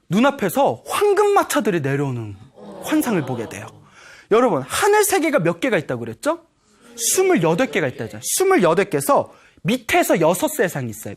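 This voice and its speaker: Man, Buddhist monk, dharma talk, animated storyteller, swooping very lively pitch. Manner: animated storytelling, prodding the audience with "예?". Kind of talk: dharma talk to a live audience.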